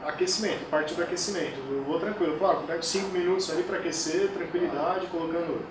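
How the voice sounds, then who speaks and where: Guy in his 40s telling stories in an interview, slightly high voice, echoey room, noisy. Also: quick pace. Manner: animated storytelling, acts out quoted voices. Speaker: kettlebell sport coach and athlete. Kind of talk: casual interview chat. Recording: echoey room, distant mic, noisy background.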